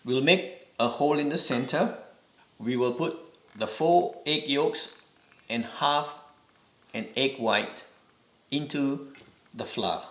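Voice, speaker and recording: A man's voice: medium pitch, fairly bright tone, roomy sound. A man from Singapore with a Singaporean accent, giving patient step-by-step instructions in a home cooking demonstration. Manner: slow, patient instructions with repeated reminders.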